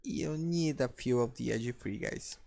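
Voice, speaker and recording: Gravelly-voiced man in casual recap chat. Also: medium pitch, mellow. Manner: joking, restarts, halting filler-heavy phrasing. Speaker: league recap co-host.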